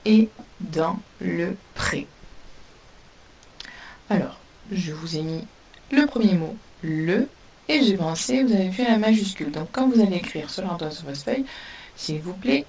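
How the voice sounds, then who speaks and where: A woman teaching a spelling lesson to young pupils, dictating words slowly and sounding out each letter. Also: lowish voice, mellow, dull audio. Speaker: primary school teacher. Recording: distant mic with faint hiss.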